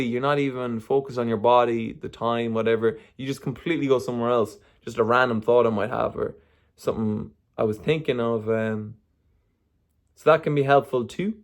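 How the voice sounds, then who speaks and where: A young man hosting his own podcast, chatting casually in a rambling, slangy way with some swearing. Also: mid-range voice. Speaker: podcast host. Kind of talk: casual solo podcast chat.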